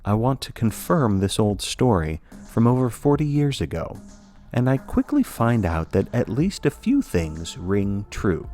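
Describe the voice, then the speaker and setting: A man narrating a scripted spooky podcast story in a measured, wry manner. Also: on the low side, very animated, warm tone, soft background music.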